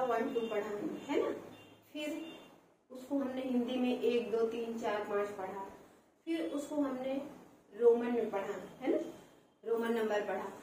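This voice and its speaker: Female teacher, fairly high voice, mellow tone; recorded far from the mic in a very echoey room with faint background noise. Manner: repeats "है ना?" often, asks and answers own questions. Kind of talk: classroom lesson for children.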